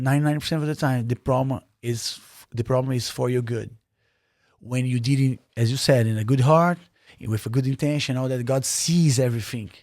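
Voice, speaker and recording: A slightly mellow, mid-range male voice is captured dry and at studio quality. The speaker is a Brazilian man, a native Portuguese speaker with a Brazilian accent. He's an earnest podcast guest in a casual interview, using many fillers and restarting often.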